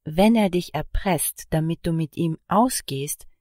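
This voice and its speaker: A bossy, sly sister, read by a woman narrator, stern and protective. Her voice sits low, recorded dry and close. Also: measured pace, darkish tone, no room sound, close to an everyday voice. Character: bossy, sly younger sister who always wins.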